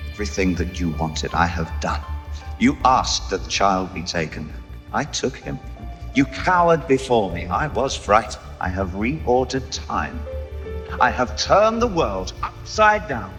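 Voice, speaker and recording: A man's voice: on the low side, sing-song, unhurried, fairly bright tone, soft background music. An actor playing a weary, brooding goblin king who makes bitter, aggrieved declarations in a film scene. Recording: film clip with long reverb.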